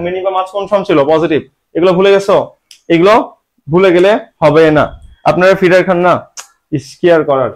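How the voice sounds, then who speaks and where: A man teaching English grammar for an admission exam in Bengali-style speech, teasing his students and asking and answering his own questions. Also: high voice. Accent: Bangladeshi Bengali. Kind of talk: online admission-exam lesson.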